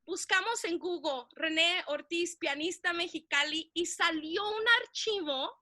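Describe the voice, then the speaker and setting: Podcast co-host, woman, lively storyteller, sparkly voice, mixes in English. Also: very high-pitched, unhurried, no echo, clean studio sound. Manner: animated, laughs often, mixes in English phrases.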